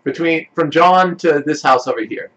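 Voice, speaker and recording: A man's voice: moderate pace, highs cut off. A man running a tabletop role-playing game as game master, casual and often laughing. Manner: animated, laughing, lively pitch swings.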